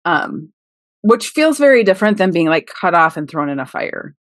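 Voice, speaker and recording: Woman, discussion guest, hesitant and explanatory, low-ish voice, dry sound. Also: sing-song, normal speed, no room sound. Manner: tentative, many "like" fillers, explains word meanings. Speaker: podcast discussion participant. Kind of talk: casual discussion of scripture.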